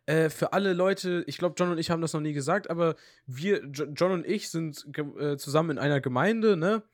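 Young male podcast co-host, higher-pitched, animated slangy storyteller, dry close sound. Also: a little fast, no room sound. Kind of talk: casual chat.

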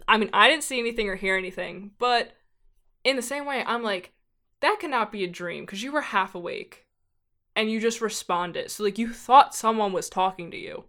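A woman's voice: medium pitch, normal speed, bright, forceful tone. Chatty young woman telling stories. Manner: chatty, heavy use of "like" fillers. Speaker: guest. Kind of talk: casual chat, storytelling.

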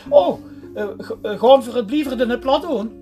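A man's voice: very high voice, lively intonation, moderate pace, mellow, faint music behind. A man with a Limburgish Dutch accent co-hosting a podcast in casual chat, often searching for words. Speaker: podcast host.

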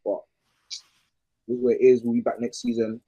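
A man's voice: medium pitch, little pitch movement, fairly quick, mellow, highs cut off. A young man with a London accent giving casual, slangy football analysis as a podcast panellist.

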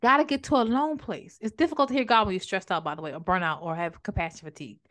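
Fast-talking woman giving a faith talk. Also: mid-range voice. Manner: fast-talking, animated, repeats and restarts phrases. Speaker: podcast host and author. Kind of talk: faith-based motivational talk.

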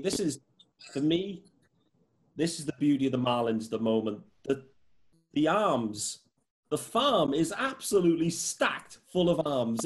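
A man's voice: a little high, a little hiss or hum. Upbeat British man hosting a podcast. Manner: upbeat, enthusiastic interviewer. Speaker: podcast host. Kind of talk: casual podcast chat.

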